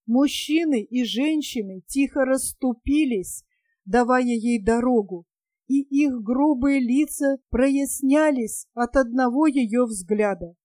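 A woman reading a classic novel aloud in a measured, expressive audiobook narration. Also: high voice, no room sound, clean studio sound. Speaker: audiobook reader.

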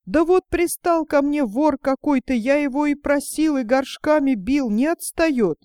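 A woman's voice: high-pitched, a little slow, darkish tone, no room sound, clean studio sound, voice pushed up. A woman voicing a lazy, foolish young peasant man in a fairy tale, grumbling and blustering.

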